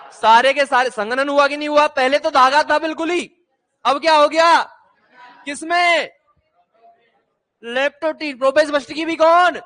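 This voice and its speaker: Man, teacher, very high voice, lively call-and-response lecture. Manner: animated, coaxing students to chant answers.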